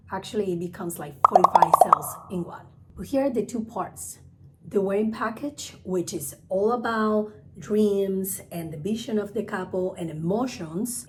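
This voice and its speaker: A woman with a mid-range, slightly mellow voice and a Spanish accent, a native Spanish speaker, works as a travel agent and group trainer. She gives an instructional talk emphatically, repeating key phrases. The recording is clearly noisy, with ambient sound.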